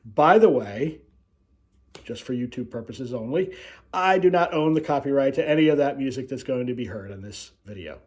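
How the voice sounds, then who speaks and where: Rambling male vlogger, medium pitch. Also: lively intonation. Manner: rambling storytelling with frequent pauses. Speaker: video host, cruise vlogger. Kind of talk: casual unscripted video introduction.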